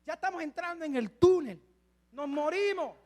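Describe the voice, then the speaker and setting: A man with a notably high voice preaching a sermon as pastor. He talks to the congregation in a joking, chatty way, then drops to near-whispered asides and builds to shouted peaks of emphasis. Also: lively intonation, normal speed. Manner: dramatic preaching, swinging from hushed asides to shouted climaxes; conversational and humorous with the congregation.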